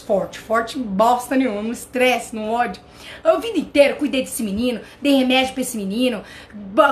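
Brazilian woman w/ a high voice, animated, chatting a personal story to her viewers. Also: a little hiss or hum. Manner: animated, addresses viewers directly. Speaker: channel host.

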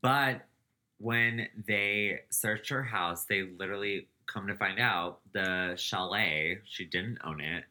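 Sharing celebrity gossip on the podcast he co-hosts, a man laughs as he talks and keeps drifting off with "um." He takes his time, his low voice bright and forceful.

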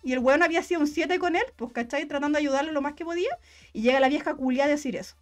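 A woman's voice: high voice, faint music behind. A young woman with a Chilean accent, telling a personal story in casual, slangy chat and voicing the people in it. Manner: fast, slangy, animated storytelling with voiced quotes.

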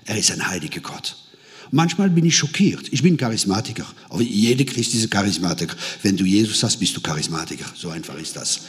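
A man's voice: on the low side, fast talker. Man preaching a sermon. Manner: animated storytelling, quotes people in changed voices.

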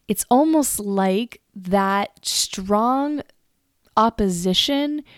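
A woman in her twenties talks through her podcast in an earnest, chatty way, often doubling words as she restarts a thought. Her pitch sits in a middle range for a woman. The sound is dry and close to the mic, with no room in it. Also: a little mellow, dry recording. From United States. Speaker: podcast host. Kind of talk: casual solo podcast talk.

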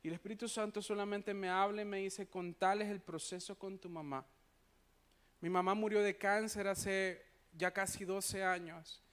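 A man's voice: sits high, steady tone, normal speed, a bit bright, smooth. A man preaching to a church, telling personal stories. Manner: anecdotal, conversational, frequent tag questions. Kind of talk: sermon storytelling.

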